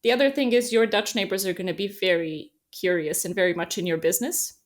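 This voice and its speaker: Woman, guest in a relaxed interview, animated storyteller, middle-pitched voice. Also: fast. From Serbia. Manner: chatty, animated storyteller, many fillers. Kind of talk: casual interview chat.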